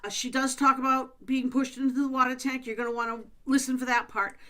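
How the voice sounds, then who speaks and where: A woman's voice: sits high, little pitch movement, fairly quick, a bit bright. A woman hosting paranormal videos, speaking informally and addressing her listener directly. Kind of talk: casual video introduction and spirit questioning.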